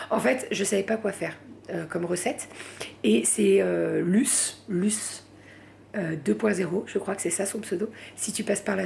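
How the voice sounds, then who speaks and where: A woman's voice: medium pitch, gravelly, darkish tone, slight background noise. A woman vlogging late at night from home, chatting casually and rambling, saying voilà at the end of her sentences.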